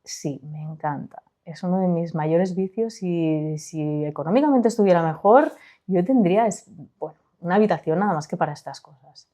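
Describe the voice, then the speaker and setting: An author with a Spain Spanish accent talks energetically about her own story, gesturing while she speaks, before narrating it at a studio mic. Her voice runs on the low side and her pace is normal.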